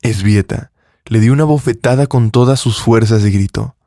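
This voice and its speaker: Low, mellow male storyteller. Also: normal speed, no room sound, studio quality. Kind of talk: scripted story narration.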